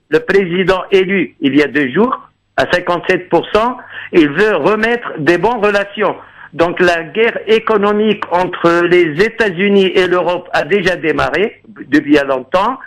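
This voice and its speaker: A man's voice: high voice, unhurried, fairly bright tone. A man calling in to a radio show, giving a long, digressive political commentary in an earnest tone over a phone line. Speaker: radio caller.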